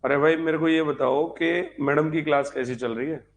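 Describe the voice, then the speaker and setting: With a slightly high voice, fairly even intonation and normal speed, a man delivers a live online lesson for a history exam. He reiterates points, checks students with questions and chats along the way.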